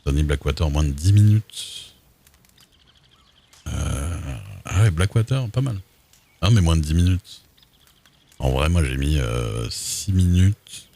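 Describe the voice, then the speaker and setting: A man's voice: a bass voice, expressive, slow pace, pauses often, mellow. A man chatting casually while streaming a game, laid-back and hesitant, often stopping on fillers. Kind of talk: casual gameplay chat.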